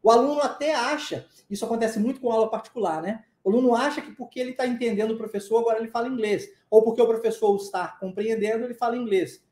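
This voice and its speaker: A man's voice: very high-pitched, fast, hardly any pauses, a little mellow, echoey room. A man with a Brazilian Portuguese accent teaching an English lesson, explaining emphatically and often checking in with the listener. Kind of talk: online language lesson.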